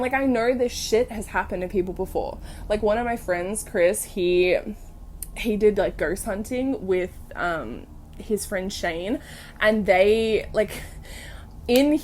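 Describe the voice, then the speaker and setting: A young woman hosting a casual storytelling podcast, telling ghost stories in an animated, sweary way full of fillers. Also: medium pitch, slight background noise. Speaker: podcast host.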